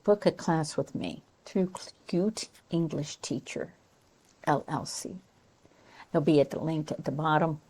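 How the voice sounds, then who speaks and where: A woman teaching an online pronunciation lesson as an accent coach, in a slow, deliberate, encouraging way. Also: sits low, mellow, husky.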